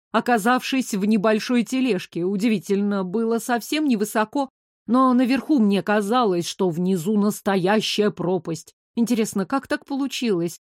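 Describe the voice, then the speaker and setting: A woman narrating a first-person novel with a lively, wry storytelling manner. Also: medium pitch, dry recording, clean studio sound. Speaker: audiobook narrator.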